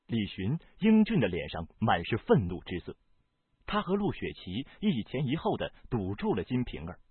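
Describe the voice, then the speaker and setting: A man with a husky voice reading a novel aloud as audiobook narrator, in an expressive, varied storytelling delivery. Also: medium pitch, normal speed, dry recording. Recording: dry, tinny phone-like sound.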